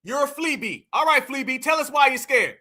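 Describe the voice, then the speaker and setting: High-voiced combative male livestream host. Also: animated, a little fast, pushed and bright, a little hiss or hum. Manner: combative, preachy, addresses the audience as family and y'all. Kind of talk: political commentary livestream.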